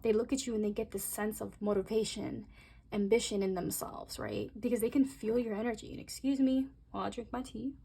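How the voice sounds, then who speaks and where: A woman giving a chatty, rambling tarot reading, speaking straight to her viewers and talking fast by her own account. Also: on the high side, fairly even intonation, gravelly, dark tone, breathy edge. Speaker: tarot reader. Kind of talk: casual tarot reading to camera.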